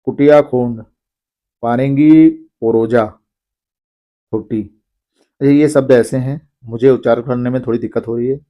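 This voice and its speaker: A man teaching an exam-prep lesson, reading long lists of names slowly and pausing to explain. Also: mid-range voice, muffled recording. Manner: reads names slowly, apologizes for pronunciation.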